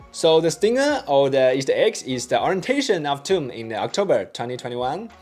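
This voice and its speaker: A young man, a student whose first language is Chinese, narrating a vlog in a careful, measured way with many hesitations. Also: mid-range voice, darkish tone. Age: young adult. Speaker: vlogger, engineering student.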